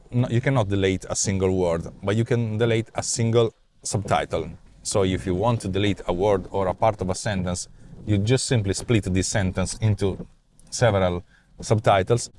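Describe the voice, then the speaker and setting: In a daytime clip from a parked car, a forties-aged Italian man who hosts a vlog and builds apps rambles unscripted about his app ideas in an accented, fairly low voice. He's animated, gestures plenty, and peppers his talk with fillers and repeats. His clip-on lapel mic adds a little hiss or hum.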